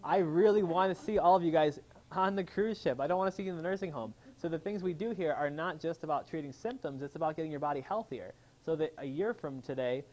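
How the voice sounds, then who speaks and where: On the high side and darkish, this chiropractor's voice reaches us over a rough recording. He gives a lively health seminar in a room with a live audience, asking them questions throughout.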